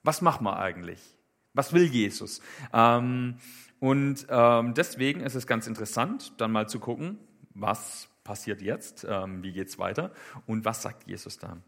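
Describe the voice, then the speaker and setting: A man's voice: mid-range voice, expressive, a little slow, gravelly, fairly bright tone. A man preaching a casual sermon in a conversational way, with many fillers and rhetorical questions.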